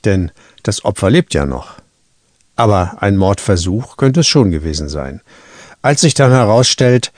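A man's voice: fairly low pitch, no room sound. Male radio book reviewer, dry studio. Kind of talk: scripted review presentation.

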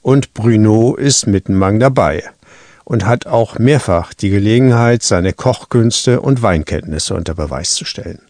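A man's voice: fairly low pitch, expressive, a little slow, darkish tone, dry recording. Male radio book reviewer, dry studio. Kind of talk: scripted review presentation.

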